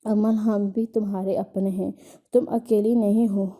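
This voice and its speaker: Voiced by a woman reading aloud, a tender middle-aged mother figure coaxes and gently scolds in a storybook. Her voice is very dark and mellow, and her pitch stays fairly flat and even. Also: lightly acted.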